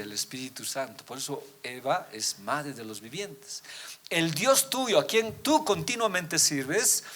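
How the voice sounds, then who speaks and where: A man delivers a sermon to his church, calling them brothers and firing rhetorical questions. His fairly high voice ranges widely, rising to loud emphatic peaks before sinking to quiet, low endings. Scripture passages come slower and deliberate. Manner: addresses listeners as brothers, asks rhetorical questions; reads scripture aloud, often slowing down. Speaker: pastor.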